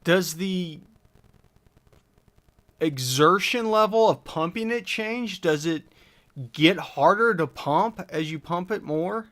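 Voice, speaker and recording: With a high, expressive and slightly bright voice, a man takes it slowly, leaving long pauses as he hosts a livestream. He reads viewer questions on engine tuning and thinks aloud through the answers, peppering them with fillers in a casual chat style.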